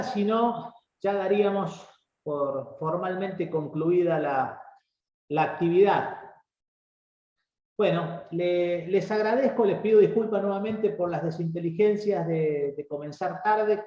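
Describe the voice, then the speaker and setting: A man with an Argentine Spanish accent moderating a legal webinar, explaining in a measured way with hesitant restarts over a video call. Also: high voice, a little mellow. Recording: echoey, muffled video-call audio.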